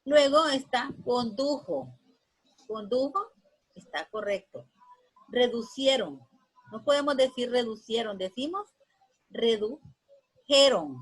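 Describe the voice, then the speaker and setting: A woman teacher giving a grammar lesson, patiently repeating words slowly for her students. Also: on the high side, expressive, breathy edge, low-quality recording.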